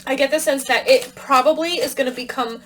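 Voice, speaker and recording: A woman's voice: high voice, a little fast, fairly bright tone, faint music behind, poor audio. A woman giving a casual tarot reading to her viewers, thinking aloud with plenty of fillers while talking around a cough drop. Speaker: tarot reader.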